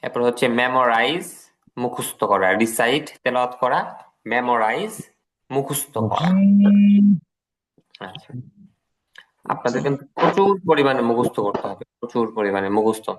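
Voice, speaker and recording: A man's voice: medium pitch, lively intonation, unhurried, pauses often, a bit bright. A man with a Bangladeshi Bengali accent teaching an English class, patiently repeating each word and translating it. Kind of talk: online class lecture.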